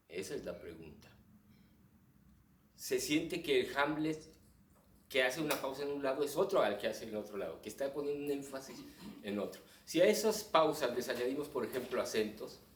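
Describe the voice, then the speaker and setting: A man's voice: medium pitch, a little fast, slight background noise. A man with a Mexican accent, a clown presenting his book, explaining stage timing to a live audience and acting out what they think. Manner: explanatory, acts out audience thoughts in asides. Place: live event room with audience. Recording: echoey room, distant mic.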